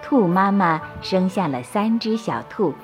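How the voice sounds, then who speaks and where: A woman narrating a bedtime story for children, gentle and sing-song. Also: mid-range voice, expressive, unhurried, faint music behind.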